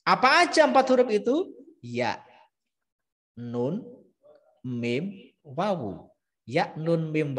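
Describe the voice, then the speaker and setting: A middle-aged man teaches recitation at an unhurried pace. His voice sits a little high and swings widely in pitch as he stretches out the words he chants for his pupils. He keeps repeating the key terms as he explains each rule. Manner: models recitation in slow, drawn-out chanting. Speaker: Quran teacher. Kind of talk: live-streamed recitation lesson.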